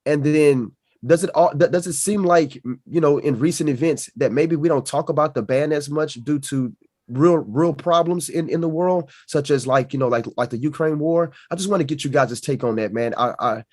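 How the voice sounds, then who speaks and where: A man's voice: on the high side, moderate pace, a little mellow, no echo, clean studio sound. A man hosting a casual sports podcast, slangy, leaning on "man" and "bro" as he sets up topics and asks questions. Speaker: podcast host.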